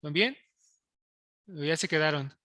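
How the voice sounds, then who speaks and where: A man's voice: fairly high pitch, measured pace, pushed and bright, dry recording, clean studio sound. A man teaching a programming class, explaining code step by step and often checking in with his students. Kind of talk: live coding lesson to students.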